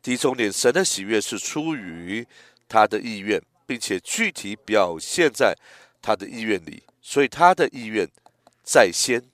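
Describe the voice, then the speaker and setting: A man in his eighties preaching a sermon in a gentle, reflective way, often pausing and restarting his phrases. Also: lowish voice, big pitch swings, no room sound, clean studio sound. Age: 80s.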